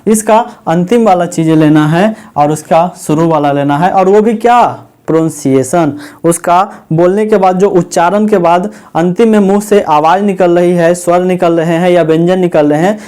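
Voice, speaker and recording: A man teaching a Hindi grammar lesson, asking his students questions and then answering them himself, repeating the key words slowly. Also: high-pitched, darkish tone, clear, resonant tone.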